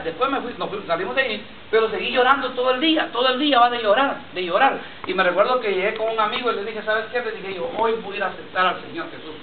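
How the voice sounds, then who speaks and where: A man with an extremely high voice preaches to a church congregation, sharing personal testimony, repeating himself, and often saying "brother," with congregation responses behind him. The recording is tinny, lo-fi, and captured from far off in an echoey room.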